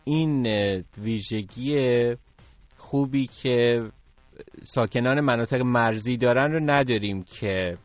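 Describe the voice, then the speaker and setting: Guy from isfahan explaining stuff on a talk show, kinda hesitant, medium pitch, dry sound. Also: no room sound, soft background music. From Isfahan, Iran. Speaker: technology segment contributor. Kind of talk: conversational radio commentary.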